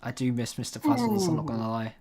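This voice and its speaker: A man's voice: mid-range voice, sing-song, fast, crowd noise. A man hosting a livestream in casual group chat. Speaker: livestream host.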